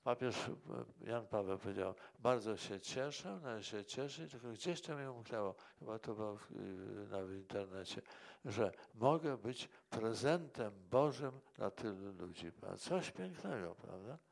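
Brief: low, gravelly-voiced male monk, rambling interview answers full of "right?" tags. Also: lively intonation, a little slow. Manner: rambling, tags remarks with "prawda?". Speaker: monk and priest.

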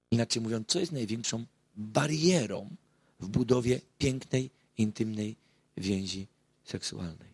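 A man's voice: on the low side, slightly rough, no room sound. A middle-aged man giving a public talk as a marriage counselor, telling stories earnestly and rising to emphatic outbursts. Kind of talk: public lecture to an audience.

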